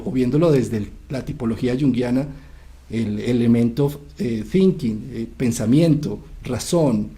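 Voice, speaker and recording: A man, a psychiatrist, explaining a myth in an animated storytelling way, often checking in with his listener. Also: medium pitch. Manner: animated retelling, frequent "¿sí?" checks. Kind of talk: lecture-style storytelling.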